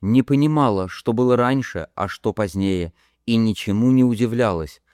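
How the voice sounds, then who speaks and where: A man's voice: mid-range voice, mellow, no room sound, clean studio sound, voice pushed up, close to an everyday voice. A man voicing a fragile, desperate young woman. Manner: pleading, halting, breaking into sobs.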